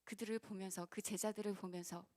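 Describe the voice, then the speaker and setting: A woman pastor preaching passionately to young adults, swinging from shouting to near whispers. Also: medium pitch, steady tone, fast. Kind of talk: sermon to a youth service.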